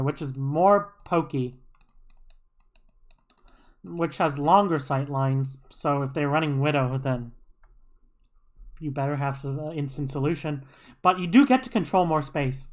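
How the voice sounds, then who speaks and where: Filler-heavy co-streaming match analyst. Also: medium pitch. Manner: thinks aloud with many fillers and restarts. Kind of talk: casual tactical breakdown over a match broadcast.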